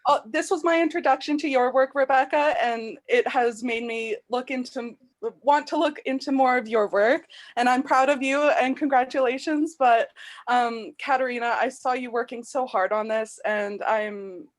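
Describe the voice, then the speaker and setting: A woman's voice: high voice, moderate pace, no echo. Shy, earnest teenage girl on a dry video call. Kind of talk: casual toast.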